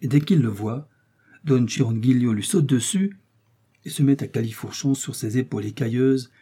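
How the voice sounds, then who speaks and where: A man's voice: medium pitch, moderate pace, warm tone, slightly rough, natural voice. Man reading a blustering stubborn innkeeper. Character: stubborn old innkeeper in love with chivalry books. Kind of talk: audiobook reading.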